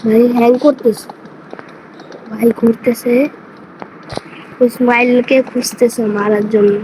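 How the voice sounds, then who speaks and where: High-voiced excitable woman gamer. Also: a little slow. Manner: excitable, chatty, talks to viewers. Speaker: gaming streamer. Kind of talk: casual gameplay commentary. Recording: noisy background hiss.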